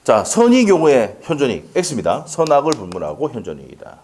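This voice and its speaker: A male lecturer teaching law in a classroom, in a relaxed, conversational tone. His pitch leaps up and drops low from phrase to phrase, full of rhetorical questions and quick laughs. He keeps checking in with the class as he goes. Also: a little hiss or hum. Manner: chatty, asks the class questions and answers them himself; laughs often and jokes with students.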